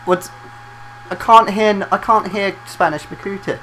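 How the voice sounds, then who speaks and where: Brief: let's play host, bright tone, sarcastic and giggly. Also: mid-range voice, moderate pace, a little hiss or hum, low-quality recording. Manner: giggly, sarcastic, keeps laughing mid-sentence. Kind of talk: casual gameplay commentary.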